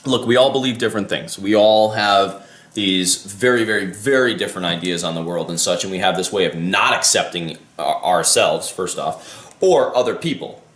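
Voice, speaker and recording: A man's voice: low voice, normal speed, a bit bright, reverberant. A man vlogging his musings in a casual, rambling way, often losing his thread, restarting and swearing casually. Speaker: vlogger and life coach. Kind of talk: casual spoken musing to camera.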